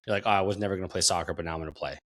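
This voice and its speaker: Low-voiced man in casual podcast chat. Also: very fast, a bit bright. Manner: rambling, repeats words while thinking. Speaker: podcast co-host.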